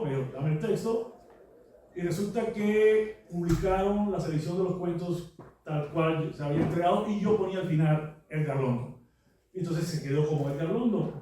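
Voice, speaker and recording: A man, a novelist presenting his book, telling anecdotes in a relaxed way with lots of fillers. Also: on the high side. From Cuba. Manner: relaxed storytelling with frequent fillers. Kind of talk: anecdotal talk at a book launch. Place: book presentation venue, large room. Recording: very echoey room, mic far off.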